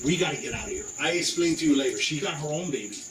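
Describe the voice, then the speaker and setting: A man's voice: a little high, expressive, racing, fairly bright tone. An anxious captive holy man acted by a game master, pleading in urgent broken English for a tabletop game. He sounds distant in an echoey, noisy room.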